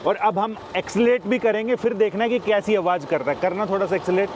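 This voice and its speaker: A man's voice: sits high, fast talker, noisy background. A man casually reviewing a new car, talking straight to his viewers as friends, partly from behind the wheel. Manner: chatty, addresses viewers directly as friends. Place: in and around a car, partly while driving.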